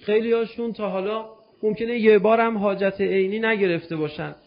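A man's voice: sits high, fairly even intonation. A man preaching a sermon, retelling a story with emotion and addressing listeners directly. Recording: dull lo-fi recording.

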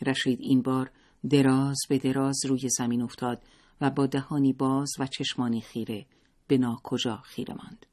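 Husky-voiced male narrator for a dramatic audiobook, measured and steady. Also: mid-range voice. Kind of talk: scripted story narration.

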